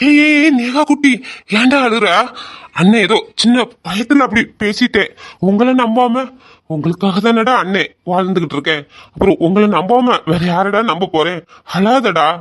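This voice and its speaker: A performer voicing a caring older brother who softly reassures his younger sister in an amateur audio drama. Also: mid-range voice, moderate pace, lightly acted. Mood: reassuring. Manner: soft, reassuring, affectionate.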